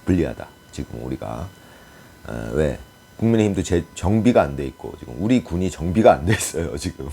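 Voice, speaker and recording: A man giving a casual political commentary monologue, speculating aloud and pausing often with hesitant fillers. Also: a bass voice, sing-song, vocal fry, dark tone, husky.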